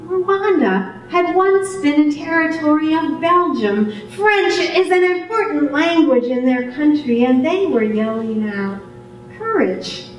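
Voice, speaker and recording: An older woman tells a personal story to a live audience, unhurried and expressive, with a bright, fairly high voice. She stands well back from the microphone, and her words ring out in a very echoey hall. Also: muffled recording, slight background noise. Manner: unhurried, expressive delivery with amused laughter. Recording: very echoey hall, voice far from the mic.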